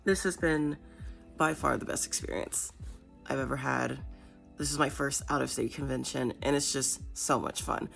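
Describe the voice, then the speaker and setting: A tired woman with a hoarse, worn voice, chatting casually and informally to her vlog viewers. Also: extremely low pitch, fairly even intonation, moderate pace, fairly bright tone, faint music behind. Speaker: vlogger.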